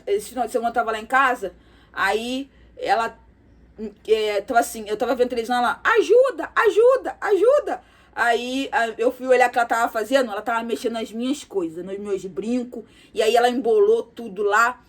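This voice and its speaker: A woman speaking directly to her viewers in a personal confessional vlog, soft and halting, with many fillers, repeated words and "tá?" tags. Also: fairly high pitch. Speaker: vlogger.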